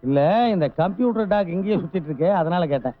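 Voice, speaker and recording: Older man, comic film, deadpan wisecracks, very fast, thin tinny sound, faint music. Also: high-pitched. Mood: bantering. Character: wily older man, cheerfully unbothered.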